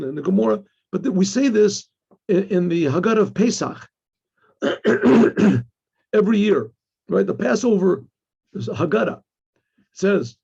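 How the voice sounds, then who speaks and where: A rabbi gives a religious lesson, reading and explaining a text haltingly in a husky, gravelly voice, clearing his throat often. His voice is high-pitched and a little mellow, he repeats phrases and poses rhetorical questions, and the recording sounds dull and lo-fi.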